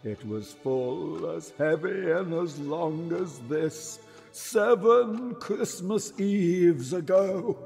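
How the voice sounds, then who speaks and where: An actor playing the mournful, anguished ghost of a dead businessman in an audio drama, speaking gravely and theatrically with a wailing edge. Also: on the high side, animated, darkish tone, full character voice. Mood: solemn, accusing. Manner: slow, grave, declamatory, wailing. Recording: cavernous reverb with music.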